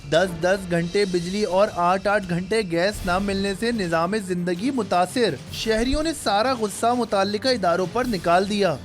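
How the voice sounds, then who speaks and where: Male reporter, high voice, formal voice-over, clear music bed. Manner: formal measured reading. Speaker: field reporter.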